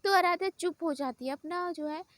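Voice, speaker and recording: High-voiced woman telling a story. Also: normal speed, a bit bright, no echo. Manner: chatty, conversational retelling. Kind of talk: casual storytelling narration.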